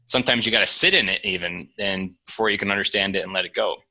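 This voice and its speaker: Man, podcast host, chatty, reflective questions, quick, bright. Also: lowish voice. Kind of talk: casual podcast interview.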